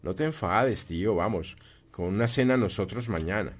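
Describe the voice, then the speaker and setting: A man voicing a cheerful, warm-hearted young nephew in an audiobook, talking earnestly and pleadingly. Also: fairly low pitch, animated, moderate pace. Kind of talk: audiobook reading.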